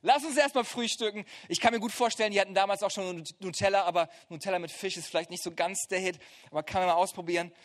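A middle-aged man preaching a sermon, retelling scripture as a lively story with casual, joking asides. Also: sits high, very fast.

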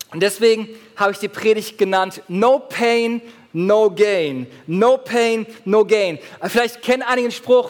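A man preaching a sermon as pastor, animated and personal, acting out everyday stories between scripture readings. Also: sits high. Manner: animated preaching with acted-out gym anecdotes. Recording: long hall reverb.

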